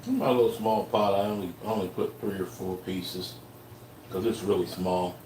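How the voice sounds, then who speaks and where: A man's voice: sits low, moderate pace, darkish tone, roomy sound, far from the mic, poor audio. Casual male outdoor cook, folksy, live-stream chat, faint background noise. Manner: folksy, tastes food while talking. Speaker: outdoor cooking livestreamer. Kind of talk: casual cooking livestream.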